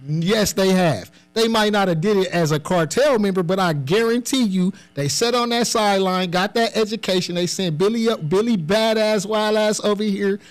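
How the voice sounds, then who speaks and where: A man with a high-pitched voice talks in a casual group debate. He leans on slang and repeats phrases for emphasis. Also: normal speed, hardly any pauses, soft background music.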